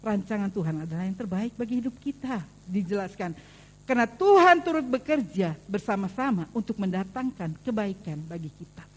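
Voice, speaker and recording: A woman's voice: animated, normal speed. A woman with a Javanese accent preaching a sermon in church, telling stories and acting out the voices of the people in them. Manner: storytelling, acts out quoted voices, rises high on pleas.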